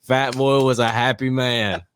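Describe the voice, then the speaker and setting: A man's voice: medium pitch, fairly even intonation, unhurried, a bit bright, smooth. A man hosting a casual interview, asking questions and playfully teasing his guest. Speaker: podcast host.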